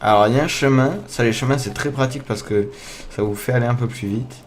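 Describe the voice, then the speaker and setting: Excitable swearing young gamer guy. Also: mid-range voice, fast talker, a little hiss or hum. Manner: excitable, swears a lot, talks to the viewers; loud startled outbursts and laughs. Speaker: gamer playing a survival game. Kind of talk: casual let's play commentary. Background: faint game music.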